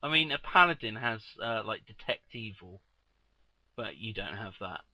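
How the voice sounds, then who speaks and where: A man as game master, narrating a tabletop game with sweary, amused, excitable banter. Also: on the low side, normal speed, slight background noise, poor audio.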